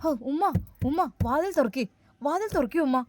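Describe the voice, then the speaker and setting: A woman's voice: high voice, animated, normal speed, mellow. A woman playing a worried young man, Malabar accent. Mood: urgent. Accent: Malabar Malayalam. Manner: urgent, worried calling. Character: caring young man, worried and urging his mother.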